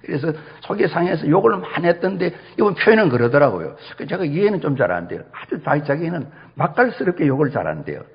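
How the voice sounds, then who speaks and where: A middle-aged man preaches with a lively, swooping delivery and a gravelly rasp at the bottom of his voice. He tells stories and acts out the people in them. The recording is dull and lo-fi, with a long reverb from a large church hall. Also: on the high side, quick pace, hardly any pauses. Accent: Gyeongsang dialect when quoting. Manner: animated storytelling, acting out quoted voices. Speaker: pastor. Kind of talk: sermon. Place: church sanctuary.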